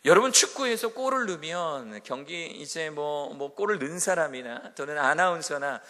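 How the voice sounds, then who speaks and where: A man giving a school chapel sermon in an animated way that builds to loud emphatic peaks. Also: on the high side, normal speed. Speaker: chapel preacher. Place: chapel hall. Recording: echoey hall with long reverb.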